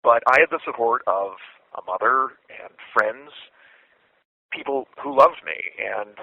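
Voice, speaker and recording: A man in his forties hosting a podcast from prison over a payphone call, speaking in a measured, thoughtful, reflective way. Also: medium pitch, animated, gravelly, slightly rough, no room sound. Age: 40s. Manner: measured, thoughtful, deliberate delivery. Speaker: podcast host and imprisoned writer. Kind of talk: reflective spoken essay. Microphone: phone handset. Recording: tinny dry phone line.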